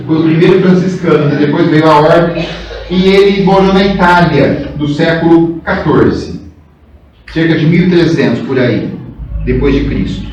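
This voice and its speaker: A man's voice: a little high, darkish tone, a little hiss or hum. A man from São Paulo state giving a guest talk at a spiritist center, telling a story conversationally and asking the audience questions. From São Paulo state, Brazil. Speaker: guest speaker. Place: large hall at a spiritist center. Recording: echoey hall, mic far off.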